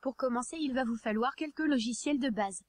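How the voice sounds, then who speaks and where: A synthetic text-to-speech woman's voice reading scripted tutorial narration in an even, neat, instructional way. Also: fairly high pitch, a little fast, no room sound. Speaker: narrator of a hobby tutorial video.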